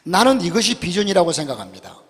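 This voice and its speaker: A man preaching a sermon as a pastor in a church sanctuary, swinging between loud emphatic rises and quiet asides. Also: high voice, wildly swooping pitch, fast talker, slightly rough. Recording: long church hall reverb.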